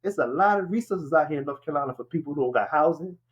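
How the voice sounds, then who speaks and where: A man sharing his experience as a guest in casual talk, halting and often checking that he is understood. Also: on the high side, lively intonation, slightly rough, lo-fi sound. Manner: halting, peppered with 'you know what I mean' check-ins. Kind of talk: casual conversational testimony.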